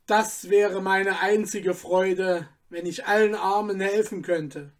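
Male reader doing a soft-spoken storybook boy, earnest, slow. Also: high voice, fairly even intonation. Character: poor boy, gentle and kind-hearted. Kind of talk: storybook reading.

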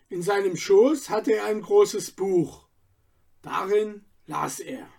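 A man reading a storybook aloud in a slow, calm narrating manner. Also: sits high.

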